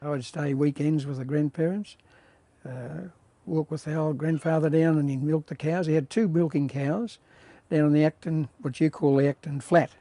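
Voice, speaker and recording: Older man, mellow dry voice, halting recollection. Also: on the high side, fairly even intonation, no room sound. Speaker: oral history interviewee.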